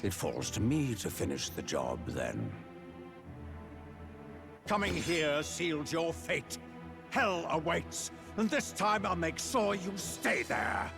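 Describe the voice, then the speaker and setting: Casting: arrogant game villain cleric, slow theatrical menace, creaky, widely swooping delivery. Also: male voice, fairly high pitch, big pitch swings, heavily acted. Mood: grim menace. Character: arrogant villainous male church leader craving the throne. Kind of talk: video game drama acting. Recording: background music.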